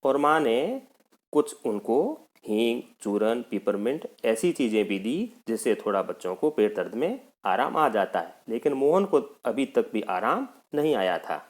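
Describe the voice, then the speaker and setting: A man's voice: medium pitch, sing-song, a little slow. A male teacher explaining a textbook play to children, addressing them directly. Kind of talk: explaining a textbook lesson to students.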